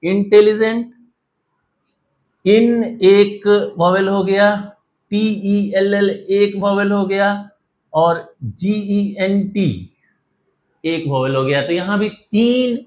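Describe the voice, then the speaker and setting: A man's voice: high voice, slow, muffled recording. A man teaching an English grammar lesson, explaining step by step and mixing Hindi with English.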